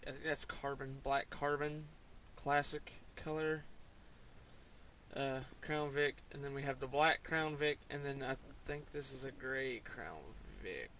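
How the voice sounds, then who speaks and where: A man's voice: mid-range voice, a little slow, pushed and bright, a little hiss or hum, poor audio. A man casually talking through his game car collection in a rambling, offhand way, with small hesitations. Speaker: gamer showing his garage. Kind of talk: casual gameplay commentary.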